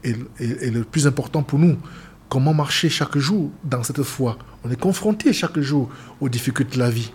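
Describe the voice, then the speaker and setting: Speaking at normal speed in an expressive mid-range voice, a man from Cameroon who serves as pastor and chaplain to seamen answers interview questions earnestly. He tends to repeat himself, stumble, and restart.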